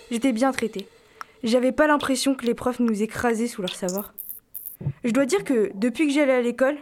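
High-voiced young woman, reflective. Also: darkish tone. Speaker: former student. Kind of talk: personal testimony. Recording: noisy with clicks.

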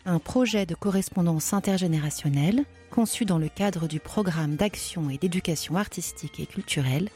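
Low-voiced woman reading credits. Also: fairly quick, warm tone, faint music behind. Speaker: credits reader.

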